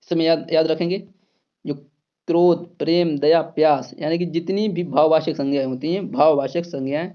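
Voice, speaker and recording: A man with a fairly high voice teaches an exam-prep grammar lesson. He repeats key words and asks and answers his own questions. The sound is dull and lo-fi. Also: steady tone, moderate pace.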